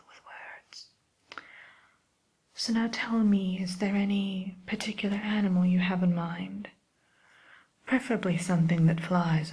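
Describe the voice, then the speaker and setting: Slow whispering wicked witch, played by a woman. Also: lowish voice, darkish tone, rough recording. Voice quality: breathy whisper, mostly unvoiced. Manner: slow, polite, hesitant, coaxing tag questions. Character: sly, genteel, spiteful wicked witch tutoring a pupil. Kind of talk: whispered ASMR roleplay.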